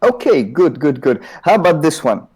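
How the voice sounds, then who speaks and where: A man playing in a tabletop game, talking in character in a playful, smooth-talking way. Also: a little high, big pitch swings, moderate pace, darkish tone. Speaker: player.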